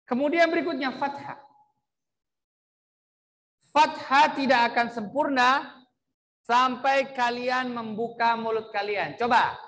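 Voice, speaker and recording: Guy teaching quran reading, models the sounds and has the class say them back, talks slow, bright clear tone. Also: very high-pitched, fairly even intonation, big-room sound. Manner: demonstrates vowel sounds and has the class repeat. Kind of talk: classroom recitation drill.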